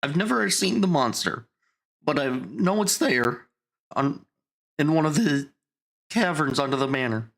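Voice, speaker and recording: A man's voice: fairly high pitch, expressive, a little slow, long pauses, fairly bright tone, exaggerated voice. A man voicing a captured, frightened thug who stammers and hesitates nervously.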